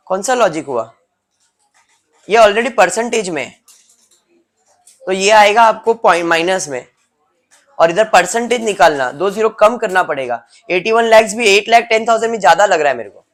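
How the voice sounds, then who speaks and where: A man's voice: high-pitched, a bit bright. A male teacher gives a classroom lecture, explaining step by step and teasing students by name.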